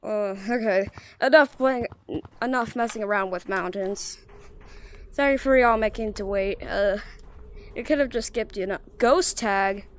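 A woman giving casual gameplay commentary, slangy and chatty, breaking into sudden gasps and rapid repeated exclamations. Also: mid-range voice. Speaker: gaming video creator.

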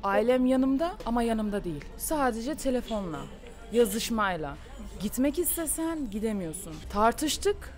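A woman's voice: fairly high pitch, lively intonation, a little slow, a little mellow, faint music behind. A woman, a daughter, answering interview questions on location in a subdued, insistent way.

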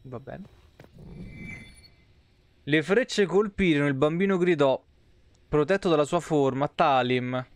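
A man's voice: fairly high pitch, slow, pauses often, a little hiss or hum. A man with an Italian accent giving casual, sarcastic live commentary on a game he is playing, swearing freely and talking back at the characters. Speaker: gaming streamer.

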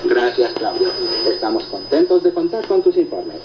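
Heard over shortwave, a male radio co-host reads and responds to listener reports in a conversational presenting style. His mid-range voice has big pitch swings and normal speed, while the noisy reception is muffled and echoey under loud static.

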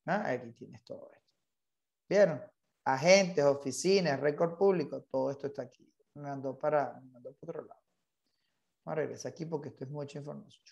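A man's voice: fairly high pitch, brisk, vocal fry, darkish tone, lo-fi sound. A man leading an online real estate training class, insistent and repetitive, mixing English terms into his Spanish.

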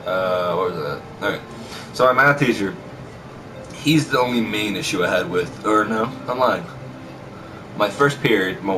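A young man's voice, sitting low, comes through over background noise as he vlogs from a small bedroom. A teen or young adult, he tells school stories in a casual, brash, sweary manner and repeats himself, recorded on a distant camera mic alongside loud music.

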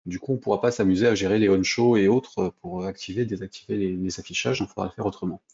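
Low gravelly French man teaching code. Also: steady tone, quick pace, darkish tone, dull audio. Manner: hesitant, many fillers and restarts, thinks aloud while clicking. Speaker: programming instructor. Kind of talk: screen-recorded coding tutorial.

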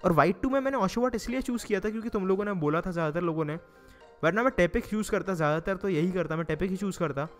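A man's voice: high voice, fast talker. A young man with an Indian Hindi accent giving casual, chatty commentary on a game he is playing, groaning dramatically and pleading with the game. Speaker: gaming YouTuber. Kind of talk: casual Let's Play commentary. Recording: faint music behind.

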